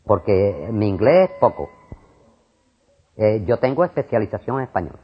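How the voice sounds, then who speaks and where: An older Puerto Rican man talks in an animated, rambling way, his voice rising and falling widely and repeating words as he goes. His tone is slightly husky. The recording is dull and lo-fi. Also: on the low side, normal speed. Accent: Puerto Rican Spanish. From Puerto Rico. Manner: animated and discursive, repeats words, frequent fillers. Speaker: interviewee, retired school principal. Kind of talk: casual conversation. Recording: muffled lo-fi recording.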